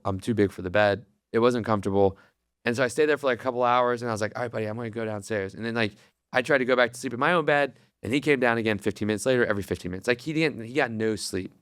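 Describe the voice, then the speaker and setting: A man in his thirties talks through his podcast in an easygoing, rambling way, full of fillers and restarts. His voice sits at a middle pitch. The recording is dry and close, with no room sound. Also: a bit bright, clear, resonant tone, dry recording. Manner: rambling storytelling with many fillers. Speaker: podcast host. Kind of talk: casual solo podcast talk.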